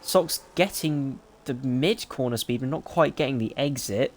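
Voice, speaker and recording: Excitable male sim racing commentator. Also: mid-range voice. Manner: excitable rapid play-by-play. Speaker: lead race commentator.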